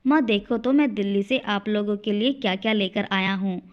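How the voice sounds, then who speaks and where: A woman's voice: medium pitch, a little fast, muffled recording, lightly acted. A woman doing a loving young son. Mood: affectionate. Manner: warm toward his parents, firm.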